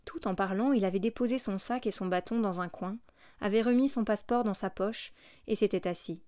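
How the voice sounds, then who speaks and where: Woman, audiobook narrator, steady measured reading, middle pitch, dry close recording. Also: dry recording.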